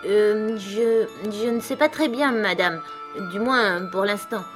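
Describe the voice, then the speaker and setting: A woman's voice: a little high, normal speed, music in the background, voice pushed up, lightly acted. A woman voicing a timid, polite young girl who talks hesitantly in an audiobook. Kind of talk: audiobook character reading.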